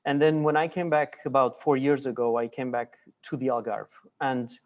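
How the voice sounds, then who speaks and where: A man raised in Portugal speaking on a webinar panel, measured and reflective. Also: medium pitch, little pitch movement, darkish tone, highs cut off. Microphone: video call.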